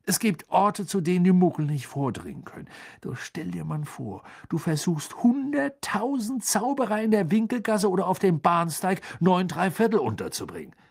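A man's voice: high-pitched, very animated, normal speed, gravelly, breathy edge, pitched above the performer's own voice, exaggerated voice. A man voicing a kindly middle-aged father who explains things patiently. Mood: explaining.

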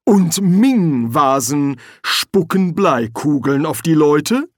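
A narrator voicing a loud, commanding male archchancellor wizard in an audiobook. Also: medium pitch, expressive, takes it slowly, dry recording, clean studio sound, pitched above the performer's own voice. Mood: demanding.

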